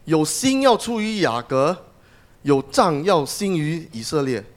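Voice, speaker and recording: A man's voice: fairly high pitch, big pitch swings, measured pace. A man interpreting a sermon phrase by phrase, with some hesitations as he goes.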